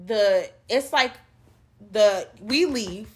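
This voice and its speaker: A woman co-hosting a casual faith podcast, talking emphatically with quick asides. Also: medium pitch, slight background noise. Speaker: podcast co-host.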